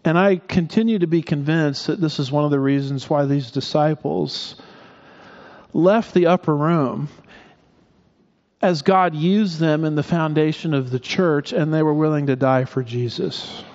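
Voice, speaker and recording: Man, pastor, preaching with casual asides; lightly raised pitch, muffled recording. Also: unhurried, darkish tone. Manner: conversational preaching with asides and restarts. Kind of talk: sermon.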